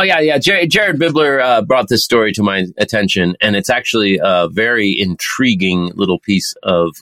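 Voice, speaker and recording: A man's voice: sits low, fairly bright tone, dry recording. A man co-hosting a podcast, chatting casually about money and markets, joking, swearing and reading quotes aloud. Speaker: podcast co-host. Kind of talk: casual finance chat.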